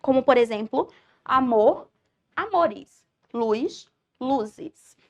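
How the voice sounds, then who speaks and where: A woman's voice: sits high, expressive, extremely slow, dull audio. A woman teacher with a Brazilian Portuguese accent giving a recorded grammar lesson, explaining step by step and checking in with her students. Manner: clear explanatory delivery, checks with "certo?".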